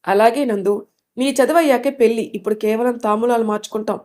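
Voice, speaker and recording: A woman voicing an affectionate, decisive middle-aged father in a spoken story, calm and fond in manner. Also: fairly high pitch, fast, natural voice.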